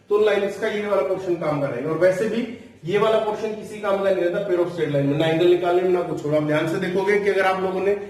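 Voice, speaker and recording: In a classroom math lecture, a man's voice sits high and a little mellow as he walks students through formulas one step at a time. Key phrases get repeated, and he slows to dictate formulas, all heard from a distance in a very echoey room.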